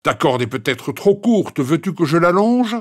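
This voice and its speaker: A man's voice: a little high, sing-song, normal speed, pitched above the performer's own voice. A man playing a kind, worried old farmer in a children's story, coaxing and exclaiming in alarm. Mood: pleading. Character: kindly worried old farmer, fond of his goats. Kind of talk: storybook character voice.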